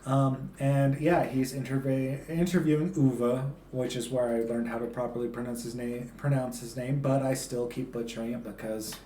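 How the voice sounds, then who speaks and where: A man's voice: medium pitch, level tone, moderate pace, hardly any pauses, mellow. A man co-hosting a casual movie review chat, laughing often and stumbling over names as he talks. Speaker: podcast co-host. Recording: echoey room, faint background hiss.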